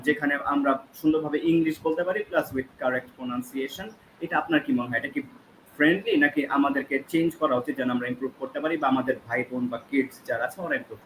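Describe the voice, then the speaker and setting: Fast-talking polite male interviewer. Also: a little high, a bit bright, slight background noise, low-quality recording. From Bangladesh. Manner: polite and deferential. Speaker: host, interviewer. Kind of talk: interview questions.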